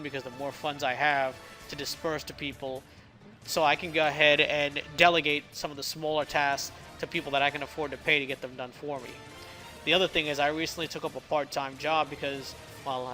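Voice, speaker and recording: A man with a slightly high, sharp voice talks casually through his game devlog as an indie developer explaining his work. His speech is a little slurred because of a swollen lip, and he occasionally stumbles.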